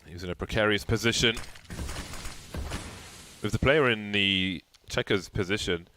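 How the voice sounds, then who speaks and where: Bright-voiced male esports caster. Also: fairly low pitch, measured pace. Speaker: esports commentator. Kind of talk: live play-by-play commentary. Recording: light background noise with game gunfire.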